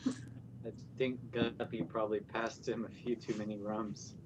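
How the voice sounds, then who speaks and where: A man's voice: fairly low pitch, level tone, measured pace, very noisy. A man playing a tabletop game, dry and wry in tone. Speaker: player.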